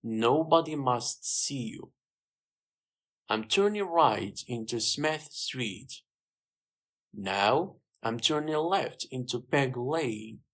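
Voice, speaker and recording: A narrator voicing Sue, a calm young policewoman, in a clear, slightly raised voice. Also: medium pitch, slow pace. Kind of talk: graded-reader story voice.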